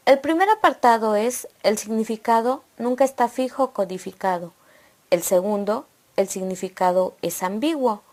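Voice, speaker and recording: A woman narrates a scripted lesson in a slightly high voice. She reads steadily and works through numbered points one after another. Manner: steady, read-aloud delivery listing points. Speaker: presenter of an educational video.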